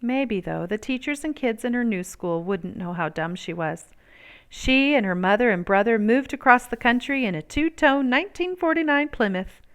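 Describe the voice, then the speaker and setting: A woman reading a picture book aloud as a storyteller, with expressive, measured and emphatic phrasing. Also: fairly high pitch, clean tone. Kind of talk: expressive read-aloud narration.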